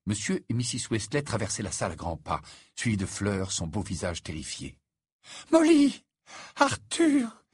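A man narrating an audiobook with an expressive storytelling delivery. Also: low voice, brisk, slightly rough, no echo, studio quality. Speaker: audiobook reader.

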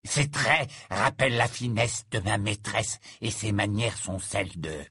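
A man voicing a grovelling, bitter old male house-elf servant with a croaking, raspy voice in an audiobook. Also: fairly low pitch, sharp tone, dry recording, clean studio sound, exaggerated voice. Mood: sneering. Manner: slow, sneering and resentful. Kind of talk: audiobook character voice.

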